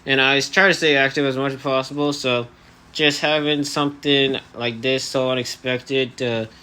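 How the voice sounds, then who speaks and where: A man's voice: medium pitch, fairly even intonation, moderate pace, pushed and bright, smooth. Young man with slightly restricted articulation. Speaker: vlogger. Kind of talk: personal vlog monologue to camera.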